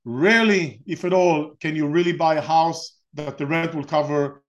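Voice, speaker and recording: A man in his forties from Israel, with an Israeli accent and a fairly high voice, hosts an investing webinar at normal speed. His presentation is rambling and explanatory, with many restarts and fillers. The recording sounds muffled.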